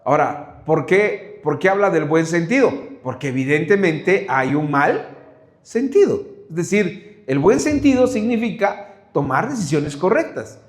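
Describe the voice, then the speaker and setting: Mexican guy preaching a bible study, high voice, keeps firing questions, roomy echo. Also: very animated, a little slow. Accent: Mexican Spanish. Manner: piles up rhetorical questions.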